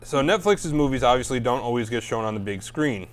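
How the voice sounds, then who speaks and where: A man's voice: mid-range voice, expressive, fairly quick, a little hiss or hum. Man reading entertainment news. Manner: reads stories, then adds casual asides. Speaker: host.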